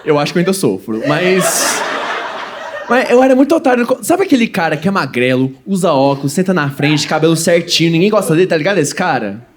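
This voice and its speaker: A man's voice: a little high, big pitch swings, crowd noise. A young man from Goiás, Brazil, performing a stand-up comedy set on stage and acting out quoted lines between laughs. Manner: fast storytelling with acted quotes and audience laughs. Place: comedy stage before a live audience.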